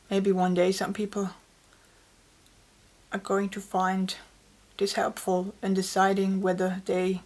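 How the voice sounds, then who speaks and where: A woman, a poet telling her personal story in an interview, gentle and reflective. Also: mid-range voice. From Austria. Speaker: poet and author.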